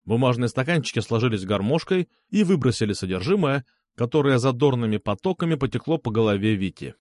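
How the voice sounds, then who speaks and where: A man's voice: medium pitch, lively intonation, a little fast, darkish tone. A man narrating a first-person audiobook with sardonic, coarse humor.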